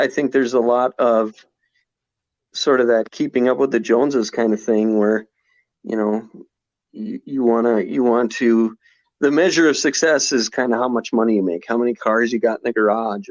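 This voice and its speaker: A man in his forties talks reflectively as a podcast guest, often restarting his sentences. His voice sits in an ordinary middle pitch. The sound is dry and slightly dull, like a modest podcast recording. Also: fairly even intonation, normal speed, no room sound. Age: 40s. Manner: reflective, many restarts and fillers. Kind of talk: casual conversation.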